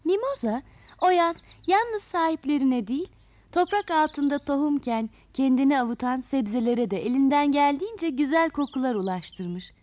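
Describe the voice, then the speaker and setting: A woman telling a children's tale with a high, sing-song voice that swoops through a wide range. She reads expressively, turning toward young listeners. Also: lively intonation, moderate pace, a little mellow, no echo. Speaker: storyteller. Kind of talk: children's story narration.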